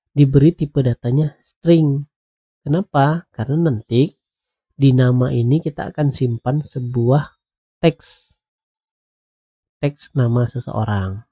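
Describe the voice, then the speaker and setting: Guy walking students thru coding basics, slow and patient, husky voice, tinny phone-ish audio. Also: mid-range voice. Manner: slow, patient explaining with frequent "nah" and "ya". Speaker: programming lecturer. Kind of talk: screen-recorded coding lecture.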